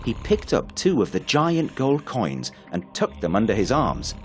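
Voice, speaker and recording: A man narrating a fairy tale in an expressive, unhurried storybook reading. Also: mid-range voice, soft background music.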